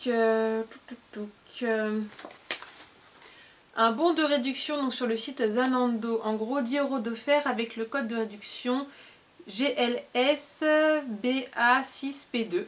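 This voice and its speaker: A woman's voice: on the high side, slight background noise. A woman vlogger chatting casually through a beauty box unboxing, hesitant and full of fillers.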